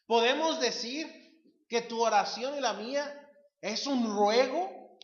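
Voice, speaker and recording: A man's voice: very high-pitched, slow. A man preaching a sermon, emphatic and asking the congregation questions. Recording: roomy, slightly dull church recording.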